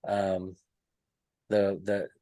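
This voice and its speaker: Man, very low voice, dry close sound, loose chatty book-club talk. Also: monotone, very slow, warm tone, no room sound. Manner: rambling, thinks aloud with restarts. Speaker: podcast panelist. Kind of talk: casual book discussion.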